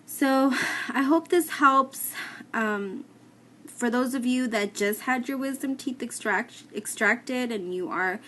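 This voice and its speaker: A woman's voice: a little high, slow pace, fairly bright tone. A woman giving a casual personal update to camera, explaining things plainly with some hesitation. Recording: clear background noise, room ambience.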